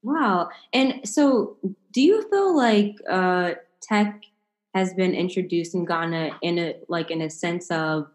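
A woman interviewing a guest, speaking haltingly with many restarts and filler words. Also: on the low side, lively intonation, echoey room. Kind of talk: interview conversation.

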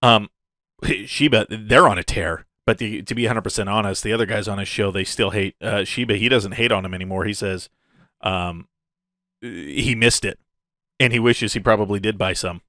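A man's voice: on the low side, moderate pace, pushed and bright, dry recording, clean studio sound. A man hosting a casual crypto update in the gushing, hyped-up manner of a crypto bro, often chuckling as he talks. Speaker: crypto video host.

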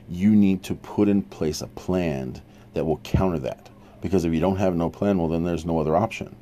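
A man's voice: a bass voice, warm tone, slight background noise. A man hosting a recovery podcast, giving earnest, practical advice in an informal teaching monologue with frequent restarts.

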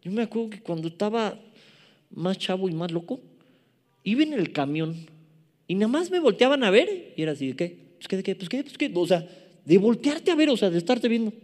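A man's voice: high voice, big pitch swings, fairly quick, darkish tone. A man in his thirties with a Mexican Spanish accent, preaching a sermon with emphatic repetition and playful asides to the congregation. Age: 30s. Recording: long hall reverb.

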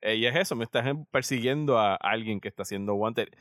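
A man's voice: medium pitch, brisk, fairly bright tone, dry recording. Bilingual Puerto Rican man, close dry sound. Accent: Puerto Rican Spanish. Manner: mixes English words and phrases into Spanish. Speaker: comics podcast co-host. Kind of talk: casual chat.

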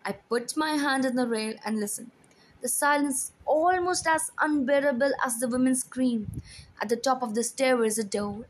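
A woman reading a first-person story aloud in a soft, hushed voice. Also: on the high side, slight background noise, low-quality recording. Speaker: narrator. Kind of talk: first-person audiobook narration.

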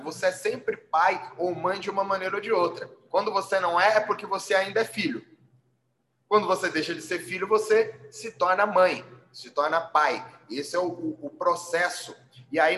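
A man's voice: high-pitched, sharp tone, slight background noise. A man explaining things in casual talk, with frequent tag questions and repeated words, and acting out quoted calls in a raised voice. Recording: roomy echo.

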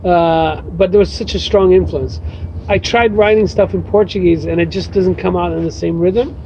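A guest writer, a native English speaker, answers interview questions reflectively, filling his thoughts with "you know" and "uh." His high voice has a steady, dark tone and a moderate pace. The recording is muffled, with faint background noise.

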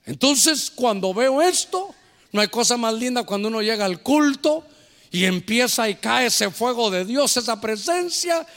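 A male pastor delivers a fervent sermon in a high-pitched voice. He keeps turning to the congregation and calling them brother. The sound carries the long reverb of a church hall. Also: expressive, a little slow, a bit bright.

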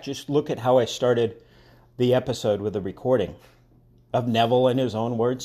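A man's voice: mid-range voice, dark tone. A man hosting his own solo podcast, rambling in a wry, opinionated way and drifting off on tangents. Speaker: podcast host. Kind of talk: casual solo podcast monologue.

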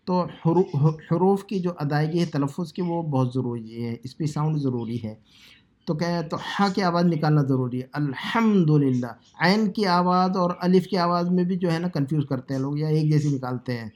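A man from South Asia teaching Arabic phrases, explaining in a conversational lesson and repeating words slowly to drill pronunciation. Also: on the high side, a little mellow. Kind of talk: language lesson, Urdu explanation.

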